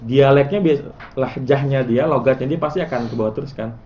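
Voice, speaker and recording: A relaxed male teacher talks his students through a grammar lesson. He quizzes them and chants word patterns. The recording sounds dull and lo-fi. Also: medium pitch, fairly quick, crowd noise. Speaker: Arabic morphology teacher. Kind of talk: casual classroom lesson.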